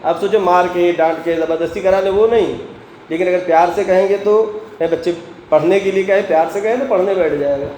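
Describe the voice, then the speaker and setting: A man's voice: sits high, dark tone. A man preaching a Friday sermon, asking the congregation questions and answering them himself, with recited Quranic verses. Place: mosque. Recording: echoey mosque hall, faint background noise.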